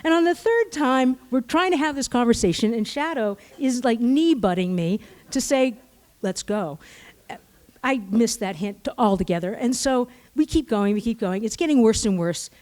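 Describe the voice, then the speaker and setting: A middle-aged woman telling a personal story live on stage, animated and self-mocking, acting out the dialogue. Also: on the high side, moderate pace, hardly any pauses.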